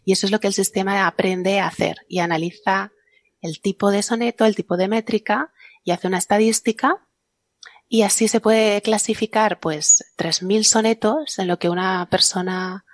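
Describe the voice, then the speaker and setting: A woman's voice: mid-range voice, steady tone, moderate pace, no echo. A woman guest on a science podcast panel, explaining her research casually, laughing often and restarting her sentences.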